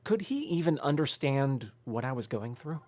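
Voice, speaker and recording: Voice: mid-range voice, very animated, moderate pace, a little mellow, slight background noise. A gamer reading a story game aloud with dramatic narration and casual, grumbling, sweary asides.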